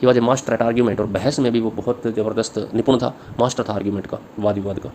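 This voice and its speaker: A male teacher giving an exam-prep literature lecture, reading English lines slowly, then explaining them in Hindi. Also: lowish voice, steady tone, a little mellow. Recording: faint background noise.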